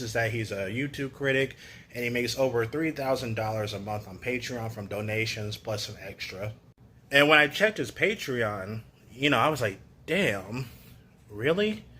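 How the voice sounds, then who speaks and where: A man with a lowish, forceful, rather tense voice rants casually to camera. He is sarcastic and opinionated and scatters "you know" through his talk. A faint hiss sits under the recording. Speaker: YouTube commentator.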